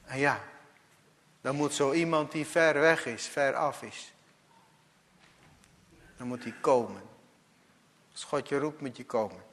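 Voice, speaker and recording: A man preaching a sermon, emphatic and repetitive, swinging between loud calls and quiet asides. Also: mid-range voice, slow pace, pauses often. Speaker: pastor. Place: church. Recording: church hall reverb.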